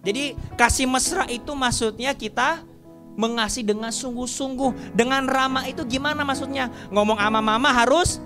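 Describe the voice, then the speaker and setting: A woman's voice: sits high, moderate pace, over music. A woman teaching a Sunday school class for children, leading them through a counted Bible verse recitation in a playful way. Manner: playful, acts out children's voices as examples.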